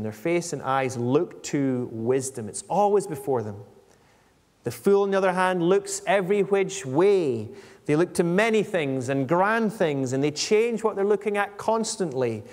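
At a lectern in an indoor church hall, a preacher in his forties gives an expository sermon, reading scripture and commenting on it in a measured, explanatory way. His voice is a little high and a little mellow, picked up by a stand microphone in an echoey hall with long reverb.

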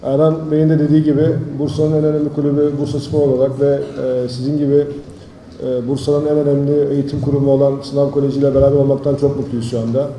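Very mellow, quick-talking man in a hall. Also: mid-range voice, level tone. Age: 30s. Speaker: basketball team general manager. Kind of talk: panel introduction. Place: school auditorium. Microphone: handheld microphone. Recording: echoey hall, faint noise.

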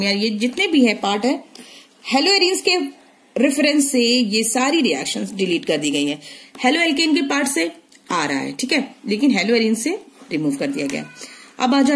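Brief: young woman chemistry teacher, slightly high voice, repeats points and checks in with "theek hai". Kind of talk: online syllabus lesson.

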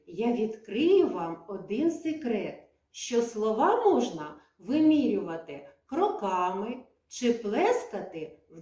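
Woman kindergarten teacher, real slow and singsongy, drawn-out words, kinda far from the mic. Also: medium pitch, darkish tone. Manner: slow, clear, sing-song teacherly speech with drawn-out words. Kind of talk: preschool lesson addressed to children. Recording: echoey room, voice from a distance.

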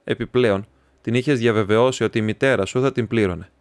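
A man reading the part of a talkative, excitable young male student who rambles, chats and teases his friend. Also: lowish voice, dry recording, close to an everyday voice. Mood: chatty. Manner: rambling, chatty, teasing.

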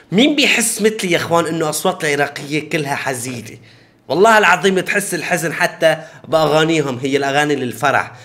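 A man's voice: on the high side, bright, forceful tone. A man hosting a reaction video, chatty and eager, calling his viewers brothers. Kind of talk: casual reaction commentary.

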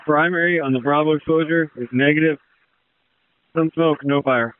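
A man's voice: on the high side, steady tone, moderate pace, clean tone. A man speaking as a firefighter over two-way radio, giving urgent, clipped emergency reports. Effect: two-way radio transmission. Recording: narrowband fire radio transmission.

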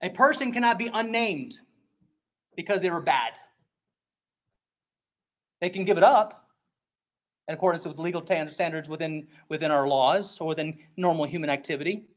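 A man's voice: on the high side, moderate pace, pauses often. Conversational, emphatic male pastor preaching. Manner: conversational and emphatic, acts out quoted voices. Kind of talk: expository sermon.

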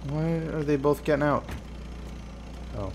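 A man's voice: a little high, measured pace, darkish tone, slight background noise. A man giving casual, wry let's play commentary as he plays a video game, full of quips. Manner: wry, quipping.

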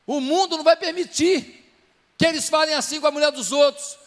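Speaking at a fairly quick clip, a pastor preaches a sermon in a notably high voice. He challenges his church with one rhetorical question after another, and the big hall gives his words a long, echoing reverb.

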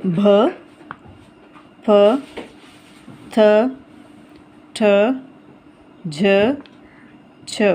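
A woman gives a recorded lesson to small children. She sounds out each letter slowly and patiently, repeating herself and pausing to check that the class is following. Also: mid-range voice, darkish tone. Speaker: teacher.

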